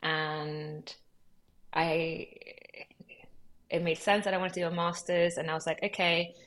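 A woman in her thirties, born in Peru and raised in Los Angeles and London, talking as a guest in a relaxed interview, chatty with lots of fillers and easy laughs. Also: fairly low pitch, a little slow. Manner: chatty, many fillers and likes, laughs easily. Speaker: guest curator.

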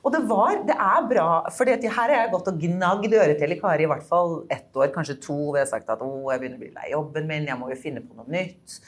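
A woman's voice: sits low, hardly any pauses. A woman co-hosting a podcast, chatting casually and laughing often as she tells a personal story. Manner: laughs often, animated and self-deprecating. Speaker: podcast co-host. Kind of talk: casual chat.

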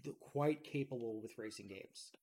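A man's voice: mid-range voice, normal speed, gravelly, dark tone. A man co-hosting a casual gaming podcast, enthusiastic and prone to ranting and storytelling. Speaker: podcast co-host. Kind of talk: casual chat.

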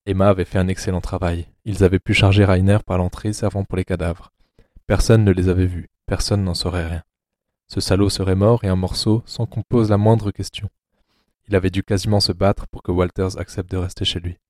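A man narrating an audiobook-style drama in a measured, sombre reading. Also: deep voice, little pitch movement, a little mellow, no echo, studio quality.

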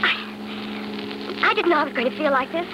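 An anxious, guilt-ridden heroine of a 1940s radio drama. Her voice is high, hesitant and pleading. Loud noise covers the old recording. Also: expressive, normal speed. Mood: nervous, hesitant. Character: anxious, guilt-ridden woman in illicit romance.

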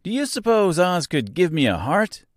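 A man voicing a polite, sad, rusted man made of tin in a storybook, speaking slowly and earnestly. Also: high-pitched, very animated, no echo, clean studio sound, pitched above the performer's own voice. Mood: polite, hopeful. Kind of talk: storybook character voice.

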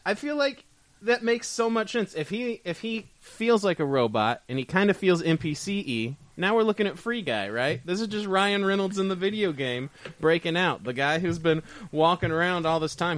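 A man's voice: fairly high pitch, a bit bright, no echo. A man co-hosting a podcast, chatting casually with jokes and plenty of swearing. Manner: joking, profane, rambling. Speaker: podcast co-host. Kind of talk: casual comedic chat.

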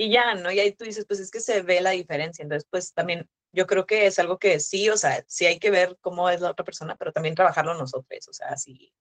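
A woman's voice: fairly low pitch, brisk, few pauses. Slangy Mexican woman telling stories. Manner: chatty storytelling full of slang and fillers. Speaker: podcast guest, sex educator. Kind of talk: casual chat.

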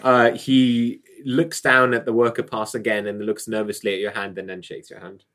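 Hesitant British game master. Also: male voice, fairly low pitch, flat delivery, normal speed, fairly bright tone. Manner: hesitant, full of fillers. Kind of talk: narrating a tabletop game.

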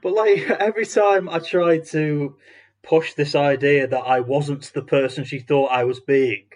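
A man's voice: on the high side, fairly even intonation. A man with a slightly raised voice chats on a podcast. He stumbles and restarts as he tells a story, filling gaps with fillers. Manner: halting, many restarts and fillers. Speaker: podcast host. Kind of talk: casual storytelling chat.

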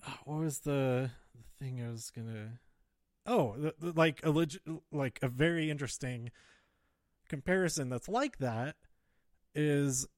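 A man podcasting solo in a halting, rambling way, slightly out of breath as he speaks close to the microphone. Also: mid-range voice, no room sound. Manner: hesitant, halting, trailing off and circling back. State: slightly out of breath, holding back exhales. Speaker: podcast host. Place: close-miked, dry recording. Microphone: handheld or close microphone plugged into a phone.

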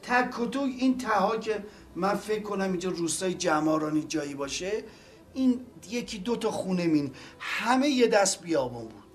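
Man, fairly high pitch, reminiscing, explanatory, pauses and fillers. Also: big pitch swings. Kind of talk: documentary interview.

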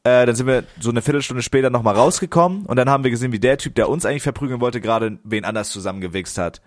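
A man's voice: medium pitch, rapid-fire, no echo, clean studio sound. A young man co-hosting a podcast, telling rambling stories in loose slang. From northern Germany. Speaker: podcast co-host. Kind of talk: casual chat.

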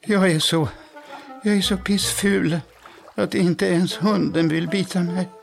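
A man's voice: high voice, fairly even intonation, vocal fry, soft background music, voice pushed up. A man reading aloud, voicing a frightened, timid young male duckling who pities himself. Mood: relieved. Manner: shaky, relieved, self-pitying.

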